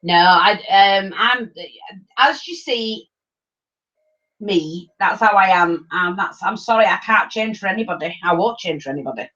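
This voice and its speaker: A middle-aged woman with an English accent chatting casually and telling anecdotes in a blunt, animated way on a livestream. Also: mid-range voice, moderate pace. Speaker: livestream host. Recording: dull lo-fi livestream audio.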